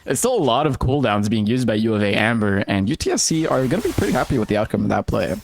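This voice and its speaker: A man calling esports play-by-play, steady and running, with occasional fillers. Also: medium pitch, fast, gravelly, soft background music. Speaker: play-by-play commentator.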